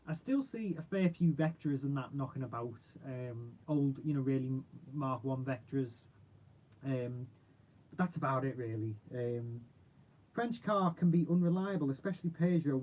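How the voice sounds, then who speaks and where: A man's voice: medium pitch, warm tone, muffled recording. A man, chatting casually and informally as he hosts a livestream and answers viewers, rambling in a matey way. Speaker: car channel host.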